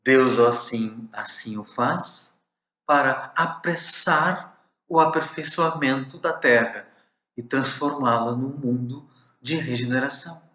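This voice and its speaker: Brazilian guy doing a spiritist lecture, slow, lots of pauses, voice drops soft, echoey room. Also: mid-range voice. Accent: Brazilian Portuguese.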